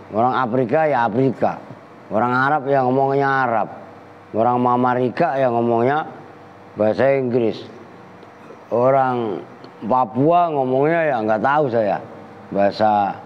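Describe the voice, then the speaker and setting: A kyai gives a lively Islamic lesson, teasing his students by name as he goes. His voice rings with a long reverb in a large hall. The recording is lo-fi and dull, with a faint room hum. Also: mid-range voice. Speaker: kyai teaching a kitab class. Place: pesantren hall.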